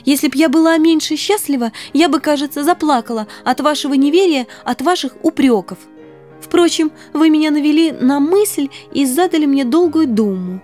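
A woman's voice: sits high, a little mellow, pitched above the performer's own voice. A woman reading an audiobook, voicing an eager, affectionate young woman with breathless exclamations.

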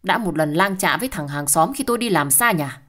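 A woman voicing a brutal, foul-mouthed husband who shouts insults in an audio story. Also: lowish voice, lively intonation, a little fast. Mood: angry shouting.

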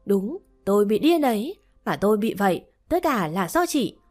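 A woman voicing a vengeful young woman who shouts shrilly in a storybook reading. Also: medium pitch, big pitch swings, normal speed, soft background music. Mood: shrill, defiant.

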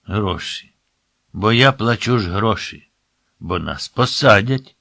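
A man reading out the lines of a nervous female veterinary clinic worker in a low, hushed, hurried tone. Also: lively intonation, vocal fry, dry recording, studio quality, exaggerated voice. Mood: hushed pleading.

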